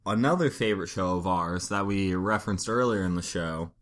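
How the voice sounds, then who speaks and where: A young man from Brooklyn co-hosting a podcast, cracking deadpan jokes in casual chat. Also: deep voice, fairly quick. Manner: jokey, deadpan. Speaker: podcast co-host.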